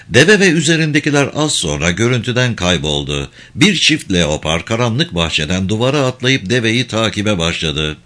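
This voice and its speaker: A man narrating an audiobook in a steady, measured reading voice. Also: on the low side.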